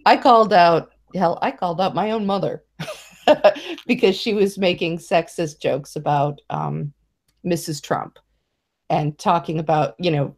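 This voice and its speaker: A woman chatting casually as a guest, animated, laughing often. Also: sits low. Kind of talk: casual conversation.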